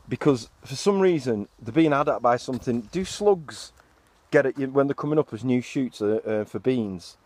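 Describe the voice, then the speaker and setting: A man's voice: mid-range voice, normal speed, a little mellow, dry recording. A middle-aged man talks his way around his garden plot in a loose, chatty style, dropping the odd mild swear word. He sounds a bit out of breath from the hard work. It is recorded outdoors on a phone. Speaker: allotment vlogger. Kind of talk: casual garden tour vlog. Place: outdoor allotment.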